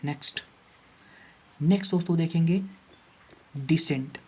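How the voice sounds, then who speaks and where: A man's voice: a little high, a little slow, dark tone, slight background noise. A male English teacher giving an online exam-prep lecture, who repeats key words and keeps asking the class rhetorical questions.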